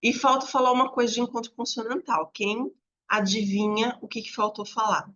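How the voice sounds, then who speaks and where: A woman's voice: fairly high pitch, steady tone, normal speed, a bit bright, muffled recording. A woman teacher giving an online lesson, patiently stretching out example words as she explains. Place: home apartment with dogs barking nearby.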